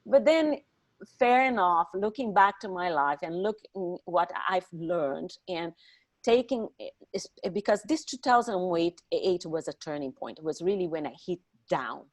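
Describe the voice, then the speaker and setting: Middle-aged woman, expressive non-native English speaker. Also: on the low side, measured pace. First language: not English. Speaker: interview guest, entrepreneur and speaking coach. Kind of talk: conversational podcast interview.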